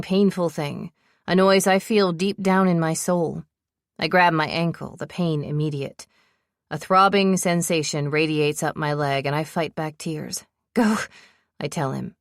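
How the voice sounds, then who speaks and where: A young woman narrates a romance audiobook in first person, low-pitched and emotive. Her storytelling carries a breathless urgency. The recording is dry, with no room echo.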